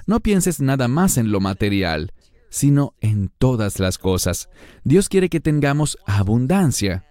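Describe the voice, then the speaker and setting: Man, Bible teacher, mellow warm tone, lively rising and falling pitch, dry close sound. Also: dry recording. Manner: teaching, slow emphatic words and questions to the listener. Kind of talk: Bible study lesson.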